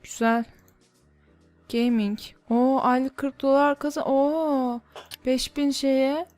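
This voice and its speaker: A woman's voice: high voice, steady tone, takes it slowly, darkish tone, dry recording, soft background music. A woman giving casual gameplay commentary as a YouTuber, grumbling in exasperation as she reacts to the game. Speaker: gaming YouTuber.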